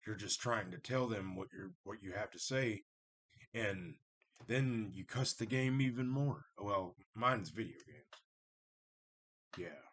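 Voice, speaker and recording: A man's voice: lowish voice, slow, fairly bright tone, husky. A man talking casually and unscripted to his viewers, rambling and circling back on himself, blunt and direct. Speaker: vlogger talking about Satanism.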